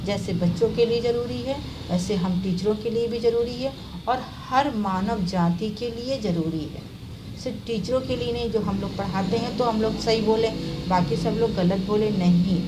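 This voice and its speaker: A woman teacher giving a slow classroom explanation, reading each word and then repeating its correct form, and often closing points with "okay.". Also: on the high side, music in the background, poor audio. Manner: often ends points with "okay" and "theek hai".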